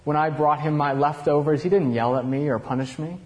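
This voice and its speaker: A man's voice: fairly high pitch, brisk, a little mellow, natural voice. A man playing Cain in a first-person dramatic monologue, telling his story in a confessional, reflective way. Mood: regretful. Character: Cain, aging regretful male murderer looking back.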